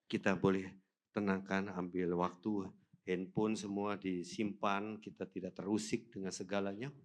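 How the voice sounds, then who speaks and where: A middle-aged man preaching a sermon as pastor, telling stories with animated emphasis. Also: low-pitched, unhurried. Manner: animated storytelling, rising loud on emphasis.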